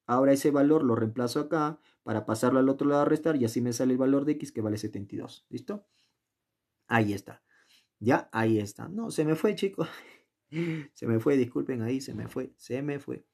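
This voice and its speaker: Speaking briskly in a mid-range, darkish voice, a man tutors geometry through a casual worked problem. He's chatty, often asks the viewer questions, and thinks aloud while solving, filming his worksheet from above at an indoor desk.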